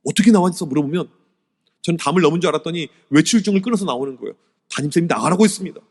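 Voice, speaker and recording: Animated pastor in a reverberant hall. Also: male voice, on the high side, rapid-fire, slightly rough. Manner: animated storytelling, swings from loud to hushed. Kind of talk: sermon-style teacher seminar lecture. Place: church sanctuary. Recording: long church hall reverb.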